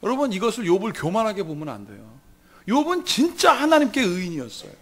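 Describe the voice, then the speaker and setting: High-voiced, emphatic male pastor preaching. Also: huge pitch swings, fast talker, breathy edge. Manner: emphatic, swings between loud and hushed. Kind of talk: sermon.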